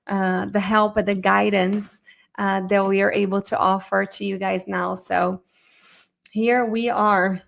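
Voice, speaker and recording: A woman's voice: mid-range voice, creaky, a bit bright, echoey room. A woman raised in Brazil, hosting a live online session as a therapist, chatty and upbeat while she sets up her screen. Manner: chatty and upbeat, thinking aloud while fixing screen sharing. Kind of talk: casual live-stream presentation.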